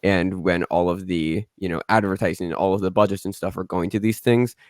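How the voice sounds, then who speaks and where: A man's voice: sits low, steady tone, brisk, no room sound, studio quality. A man co-hosting a casual film news podcast, rambling and sarcastic, often restarting his sentences. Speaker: podcast co-host.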